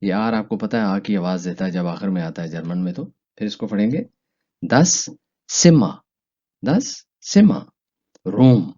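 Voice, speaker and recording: Man drawing out German words. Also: dark tone. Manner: stretches out German words slowly, with pitch jumps on them. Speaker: German language teacher. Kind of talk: language lesson explaining vocabulary. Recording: dull lo-fi recording.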